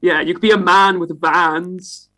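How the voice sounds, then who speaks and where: High-voiced man telling rambling stories. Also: fairly even intonation, measured pace, pushed and bright, poor audio. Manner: rambling, swearing storyteller. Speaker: podcast co-host. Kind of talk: casual podcast chat. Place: home, in Edinburgh.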